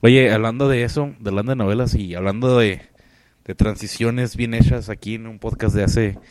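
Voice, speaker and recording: Low-voiced joking podcast host man. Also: steady tone, moderate pace, noisy background. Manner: joking, teasing banter. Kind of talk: casual chat.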